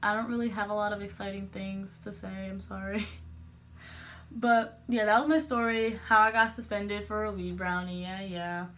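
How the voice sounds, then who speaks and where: A woman's voice: mid-range voice, steady tone, normal speed, a bit bright, slight background noise. A teenage girl telling a storytime vlog, rambling with many fillers and self-corrections, laughing between remarks. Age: teens. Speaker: vlogger.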